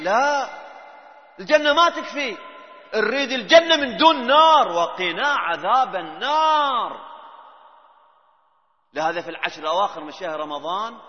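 A man preaching a sermon. He drops to hushed low stretches, then rises to forceful, emphatic peaks. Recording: dull reverberant hall sound.

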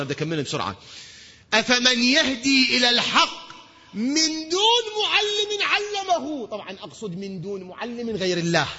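A high-pitched man with a bright, husky voice preaches. He poses rhetorical questions and answers them himself, now and then drawing a word out into a long shout. The recording is muffled and carries a long hall reverb. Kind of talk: religious lecture.

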